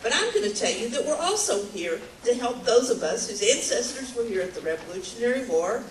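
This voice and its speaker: An earnest woman giving a persuasive speech to a crowd. Her voice carries from a distance across a large, echoey hall, with faint background noise under it. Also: on the high side. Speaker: speaker at a rally.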